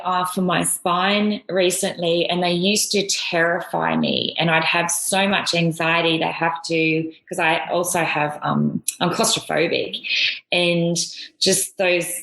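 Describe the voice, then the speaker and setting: Middle-aged aussie woman, low gravelly voice, rambly guest chat. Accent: Australian. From Australia. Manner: rambling, warm-hearted, with many restarts. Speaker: guest, air force veteran. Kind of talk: casual interview chat. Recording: echoey room.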